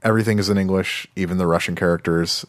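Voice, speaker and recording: A man's voice: low-pitched, fairly even intonation, fast, no room sound. A man co-hosting a podcast, casually talking over games, filling his speech with "like" and "um". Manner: rambling, many "like" and "um" fillers. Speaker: podcast co-host. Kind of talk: casual game discussion.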